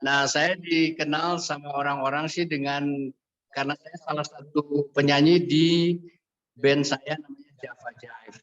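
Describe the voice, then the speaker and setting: A man's voice: on the high side, measured pace. A man in his fifties from Bandung, a singer speaking as a webinar guest, his voice choppy and cutting out over a video call. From Bandung, Indonesia. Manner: relaxed, chatty, with fillers. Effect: choppy audio breaking up over a video call. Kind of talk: webinar talk. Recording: dull, dry video call audio.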